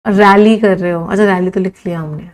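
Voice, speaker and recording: Brief: young Indian female teacher, steady synonym drills, slow careful dictation. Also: medium pitch. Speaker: English vocabulary teacher. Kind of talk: live online vocabulary lesson.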